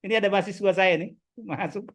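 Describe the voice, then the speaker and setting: A man's voice: high voice, fairly bright tone, breathy edge. A man speaking as the guest author at an online seminar. He tells stories with energy and acts out the voices of the people he quotes.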